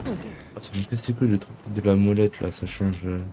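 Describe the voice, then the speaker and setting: A man's voice: lowish voice, steady tone, brisk. A young man giving casual, slangy gameplay commentary, half muttering to himself and his viewers. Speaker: video game streamer. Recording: faint background game noise.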